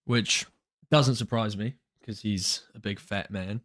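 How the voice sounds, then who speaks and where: A man co-hosting a casual podcast, chatty and quick to laugh. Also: lowish voice, fairly bright tone. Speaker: podcast co-host. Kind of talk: casual chat.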